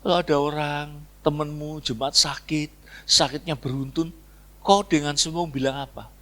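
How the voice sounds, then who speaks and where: A middle-aged man preaching a sermon, swinging between hushed asides and loud emphatic lines. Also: on the high side, steady tone, normal speed. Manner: acts out voices of congregants in mock tones. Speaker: pastor. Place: church.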